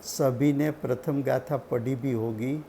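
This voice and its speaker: A man giving a slow, deliberate religious study lecture, repeating key points for his listeners. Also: mid-range voice, steady tone, vocal fry, mellow, a little hiss or hum. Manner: slow, deliberate teaching with repetition. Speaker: scripture teacher.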